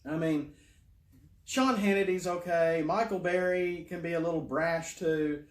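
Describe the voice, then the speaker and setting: A man's voice: on the high side, fairly even intonation, unhurried, roomy sound. A middle-aged man rambling in a casual monologue, full of fillers and restarts. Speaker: YouTuber.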